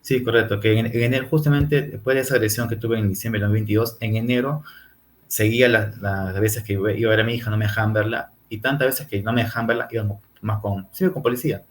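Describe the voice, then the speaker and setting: Halting Peruvian man on a TV interview. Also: lowish voice, steady tone, slight background noise. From Peru. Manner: halting, frequent tag questions. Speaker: interview guest. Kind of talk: TV interview testimony.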